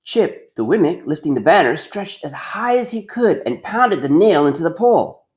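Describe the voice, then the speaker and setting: In a quiet home workshop, a middle-aged teacher reads aloud interactively to young kids, cheering them on and asking his questions again. He sounds very animated, with a fairly high pitch and a moderate pace.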